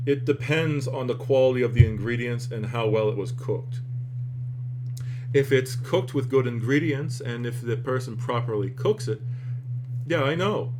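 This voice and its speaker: A man with a standard American accent talks in a casual reaction-chat style. His pitch sits in the middle of the male range. He rambles and puts himself down a little, and clear noise runs behind his voice. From United States. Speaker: online host reacting and commenting.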